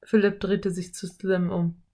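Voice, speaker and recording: A woman reading a children's story as narrator in an even storytelling manner. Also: medium pitch, measured pace. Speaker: audiobook narrator. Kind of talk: scripted narration.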